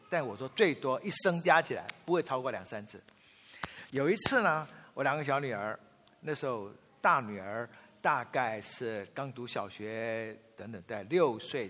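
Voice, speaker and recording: A man in his fifties giving a sermon, telling family anecdotes in an animated way and acting out the quotes. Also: medium pitch, slightly rough. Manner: storytelling, animated, acts out quotes. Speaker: pastor. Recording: long reverb of a large hall.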